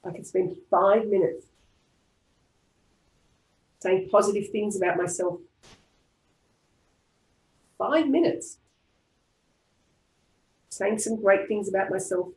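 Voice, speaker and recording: Australian woman calmly guiding a tapping session. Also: medium pitch, slow pace, long pauses. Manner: calm, repetitive affirmation-style phrasing. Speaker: EFT tapping practitioner. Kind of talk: guided group tapping session. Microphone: online video call. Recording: roomy echo.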